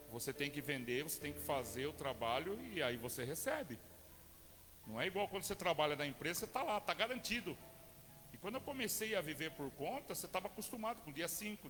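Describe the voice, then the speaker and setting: A Brazilian man in middle age is preaching, and his high voice rings with a bright, forceful edge. He moves between easy, conversational questions to the congregation and fervent, shouted declarations. A long church-hall reverb trails each phrase, and faint music sits underneath. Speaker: pastor. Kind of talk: sermon.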